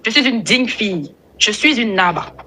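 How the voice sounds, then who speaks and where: A woman's voice: a little high, expressive, normal speed, pushed and bright, slight background noise. A woman caller from Côte d'Ivoire with an Ivorian French accent, speaking indignantly and emphatically, often repeating words. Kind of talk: call-in on a live stream.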